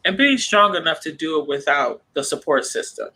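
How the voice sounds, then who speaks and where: A man with a fairly high voice speaks on a panel discussion. He is passionate and emphatic, and he drops into quick acted-out lines from family members to make his points. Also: animated, bright, forceful tone, breathy edge. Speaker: panel guest.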